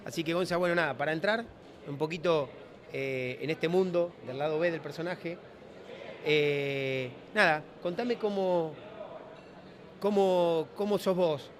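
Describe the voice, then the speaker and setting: A man hosts a relaxed chat, his voice slightly high for a man. He talks in a loose, rambling way, restarting his phrases often. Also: unhurried. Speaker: host. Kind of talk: casual interview chat. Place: trade fair floor.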